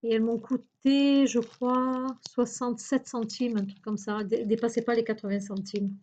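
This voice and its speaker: Chatty woman with a mellow voice. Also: fairly high pitch, level tone, moderate pace, highs cut off. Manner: chatty, hesitant, searching for words with many fillers. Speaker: YouTuber showing a shopping haul. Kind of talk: casual haul video chat.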